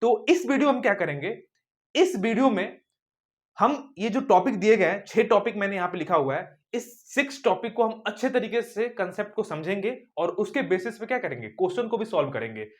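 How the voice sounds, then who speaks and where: Lively, questioning maths teacher. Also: male voice, high voice. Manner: repetitive rhetorical questions, addresses students directly. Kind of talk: video lesson.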